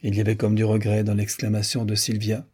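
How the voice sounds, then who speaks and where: A man narrating a novel as an audiobook, reading in a measured, literary way. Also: lowish voice, completely flat delivery, darkish tone, breathy edge. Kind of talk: scripted narration.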